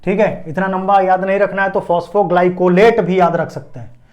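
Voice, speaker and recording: A man's voice: high voice, steady tone, fairly quick, darkish tone, dull audio. A man teaching a biology lesson at a board, explaining step by step and asking and answering his own check questions. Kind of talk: classroom lecture at a board.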